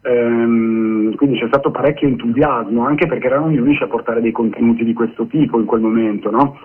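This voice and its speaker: A man speaking on speakerphone over a phone line as a guest activist in a radio interview, halting with many pauses and fillers. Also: mid-range voice, steady tone, breathy edge.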